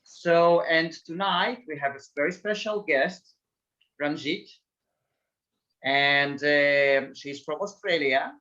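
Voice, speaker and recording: A man hosts an online group call and speaks slowly, pausing often with fillers. His voice sits fairly high for a man. The audio comes over a dull, lo-fi video call line. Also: bright, forceful tone. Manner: slow, halting, with many fillers. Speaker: group facilitator and host.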